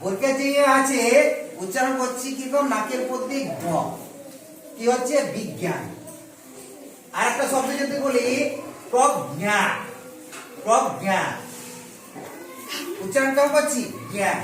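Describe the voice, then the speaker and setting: A man's voice: very high voice, a bit bright, a little hiss or hum. Male teacher from going over spelling for kids, patient, keeps repeating and asking, heavy echo, sounds far from the mic. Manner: patient, repeats words slowly and asks questions. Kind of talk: children's Bengali spelling lesson. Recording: echoey room, voice from a distance.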